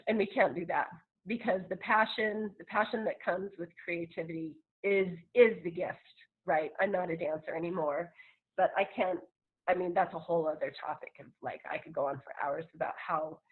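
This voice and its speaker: A woman's voice: lowish voice, fairly even intonation, normal speed. A woman presenting to a group on a video call, talking earnestly and rambling a little with restarts. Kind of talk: casual talk to a group on a call. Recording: tinny call audio, husky.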